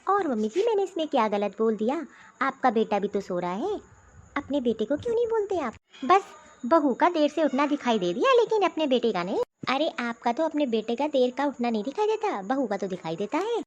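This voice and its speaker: Defiant young daughter-in-law voiced by a woman, sharp-tongued, high lively voice, cartoon story. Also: a little fast, lo-fi sound. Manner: talking back, defiant.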